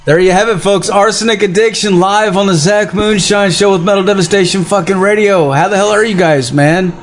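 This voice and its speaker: A man's voice: sits high, fairly even intonation, brisk. A man hosting a metal radio show, laid-back and swearing freely, with enthusiastic interjections. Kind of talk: casual chat, heavy swearing.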